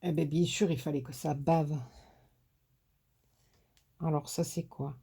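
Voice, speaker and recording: A woman's voice: low-pitched, steady tone, slow pace, creaky, warm tone, breathy edge. A woman with a southern French accent hosting a casual crafting tutorial, chatting to herself and teasing herself as she works. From southern France. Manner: chatty, talks to herself and teases herself while working.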